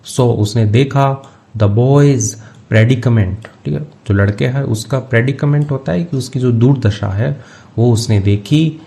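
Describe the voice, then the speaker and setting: Gravelly, dark-voiced man teaching. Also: mid-range voice. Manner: reads English phrases slowly, then explains in Hindi. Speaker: English teacher. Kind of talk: line-by-line translation lesson.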